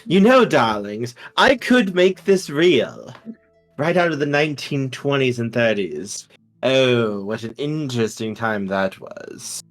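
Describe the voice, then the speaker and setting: A man's voice: mid-range voice, very animated, slow, soft background music. A man playing a suave, theatrical companion in a tabletop game, with an affected, coaxing manner. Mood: breezy, coaxing. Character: suave theatrical companion who calls everyone darling.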